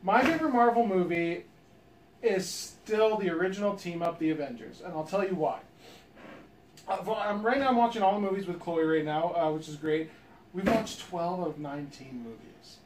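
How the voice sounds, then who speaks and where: A man's voice: sits high, moderate pace, echoey room, distant mic, noisy background. A man hosting a casual podcast chat, laughing often and pulling the talk back on topic. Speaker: podcast host.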